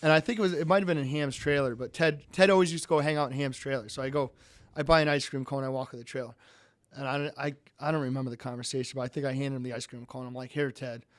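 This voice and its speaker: A man's voice: fast, no room sound. A man, a race car driver, telling stories in a casual podcast interview, acting out the people he quotes. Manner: animated storyteller, jumps high when quoting others.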